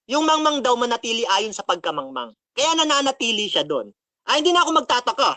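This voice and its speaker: Male debater, high-pitched, dry close sound; taunting, scripture-quoting rebuttal. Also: big pitch swings, quick pace, pushed and bright, no echo. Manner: taunting, mocking, quotes scripture constantly. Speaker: religious debater.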